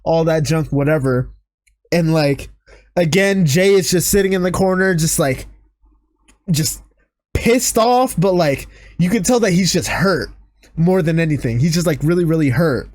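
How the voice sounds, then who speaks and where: Young man, podcast host, casual chat, high voice, dry recording. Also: normal speed, no echo. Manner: animated recapping, acts out quoted lines in raised voices.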